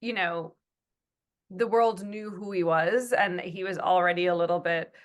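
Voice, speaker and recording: Lady tv writer being interviewed, low-ish voice, lots of ums and restarts, thinks out loud. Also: a little slow. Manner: thoughtful, many fillers and restarts, acts out quotes. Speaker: TV writer and producer, guest. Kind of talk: conversational interview.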